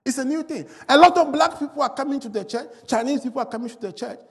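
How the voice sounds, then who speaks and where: Middle-aged male preacher, native French speaker, emphatic testimony style; high-pitched. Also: fast talker, in a large hall. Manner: emphatic, rising and falling delivery. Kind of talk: sermon with testimony. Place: large church hall.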